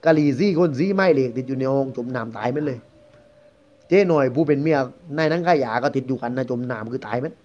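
Quick-talking man with a Southern Thai accent. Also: mid-range voice, darkish tone. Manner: chatty, rambling, conversational. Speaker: guest storyteller. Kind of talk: casual spoken ghost story telling. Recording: dull lo-fi recording.

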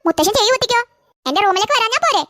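A voice actor doing a stubborn high-pitched cartoon girl. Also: expressive, very fast, sharp tone, no room sound, studio quality, heavily acted. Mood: defiant. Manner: defiant, pleading. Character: stubborn teenage girl with a new puppy. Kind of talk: cartoon voice acting.

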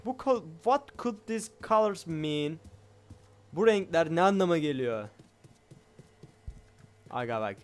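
A man giving excitable let's play commentary on a game, loud and jumpy, swearing often and talking straight to his viewers. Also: fairly high pitch, slow, long pauses. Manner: loud, shouts a lot. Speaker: gaming YouTuber.

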